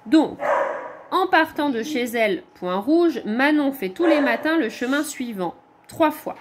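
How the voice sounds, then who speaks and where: Against a noisy background, a French-accented primary school teacher with a high voice and lively intonation corrects her young pupils' homework. She takes it slowly and patiently, walking them through each step.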